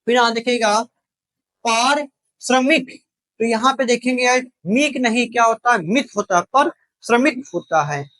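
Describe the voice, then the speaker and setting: Guy with a high voice teaching exam spellings, keeps asking what is it and repeating it back. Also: normal speed, a bit bright. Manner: keeps asking rhetorical questions and repeating the answers; addresses viewers directly, calls them brother. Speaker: Hindi exam-prep teacher. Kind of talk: spoken lesson, drilling spellings.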